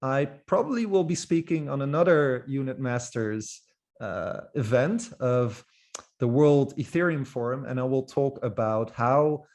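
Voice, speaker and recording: A man's voice: mid-range voice, unhurried, darkish tone. Enthusiastic man giving a talk. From Netherlands. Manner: enthusiastic, informal, occasional restarts. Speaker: guest speaker. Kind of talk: presentation talk.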